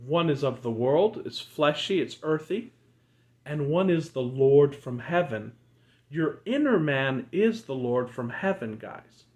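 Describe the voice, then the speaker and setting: A man teaching breathwork and spirituality as a channel host, speaking in a slow, deliberate guru manner with pauses between short phrases. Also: medium pitch, expressive, darkish tone. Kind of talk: guided breathwork and spiritual talk.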